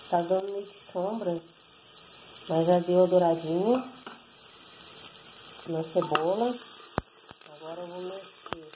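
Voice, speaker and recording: Filming with a handheld phone in one hand, a Brazilian woman with a lowish voice walks viewers through a recipe at her home stove. Her chatty, step-by-step cooking tutorial carries a Brazilian Portuguese accent, plenty of tag questions, and background noise.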